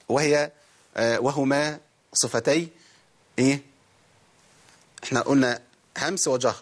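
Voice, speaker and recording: In a TV studio lesson, a man with an Egyptian Arabic accent teaches Quran recitation, firing quick questions at viewers before drawing the words out slowly. His voice sits in the mid range.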